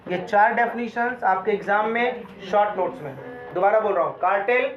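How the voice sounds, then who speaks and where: A man's voice: high-pitched, fairly quick, faint music behind. A male law lecturer teaching a classroom, mixing Hindi with English terms and asking his students questions as he goes. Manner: addresses students as "beta", quizzes them often. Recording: echoey room, dull lo-fi sound.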